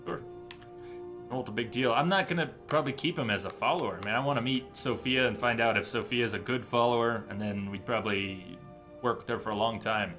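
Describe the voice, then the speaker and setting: A man plays a video game on stream, offering casual commentary and thinking aloud against game music. He speaks fairly quickly at a medium pitch.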